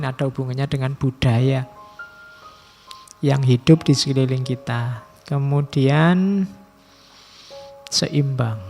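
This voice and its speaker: Gravelly man lecturing. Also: medium pitch, darkish tone. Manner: measured teaching voice, slows to stress key terms, casual asides. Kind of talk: Islamic philosophy lecture.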